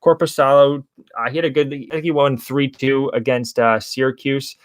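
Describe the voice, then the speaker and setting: A man's voice: mid-range voice, fairly even intonation, normal speed, no echo. A young man hosts a casual hockey betting livestream, rambling through picks and talking to chat viewers. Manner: chatty, rambling, addresses chat viewers as guys. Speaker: sports betting show host.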